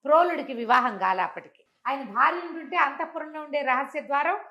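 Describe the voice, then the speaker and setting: A storyteller with a high-pitched, sharp-toned voice tells a moral folk tale conversationally and fairly quickly, on a lo-fi recording. She explains as she goes, repeats phrases for emphasis and briefly acts out dialogue.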